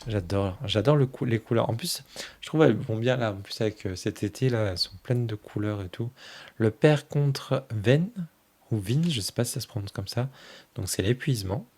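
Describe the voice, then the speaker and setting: On his tarot channel, a man casually flips through a new oracle deck, commenting fondly on each card. His voice is soft and lowish, often trailing off, at a moderate pace.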